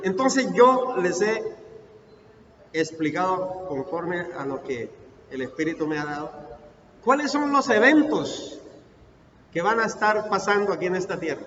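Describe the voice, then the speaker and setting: A high-pitched man preaches a sermon, firing off rhetorical questions and leaning hard on every scripture he reads. His voice comes from across a big reverberant church hall, a bit muffled and far from the microphone, with faint noise underneath. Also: fairly bright tone. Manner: reads scripture aloud slowly and emphatically. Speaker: pastor. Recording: echoey hall, distant mic, muffled sound.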